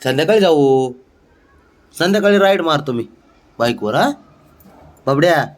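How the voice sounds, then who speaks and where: A man's voice: a little high, animated, moderate pace. Man cooing and coaxing his cat. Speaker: cat owner filming his pet. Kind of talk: casual pet talk.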